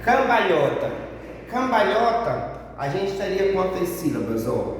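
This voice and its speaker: A high-voiced Brazilian male teacher leads a grammar review, drawing out each syllable of his example words slowly. He sounds set back from the mic, in a very echoey room with a long reverb tail. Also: very animated, distant mic, a little hiss or hum. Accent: Brazilian Portuguese. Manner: slow, drawn-out syllables for examples; asks and answers a pupil's question himself. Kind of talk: recorded grammar review lesson.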